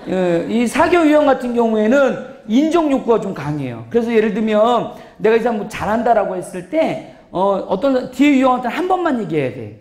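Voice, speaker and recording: A man with a very high, bouncy voice delivers a seminar lecture in an echoey hall. He plays with his delivery, acting out little scenes in funny voices as he teaches. The sound carries the ring of a large room. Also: big pitch swings, fairly quick, hardly any pauses, a little mellow. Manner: playful, acts out examples in funny voices, laughs often. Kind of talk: lively church seminar lecture.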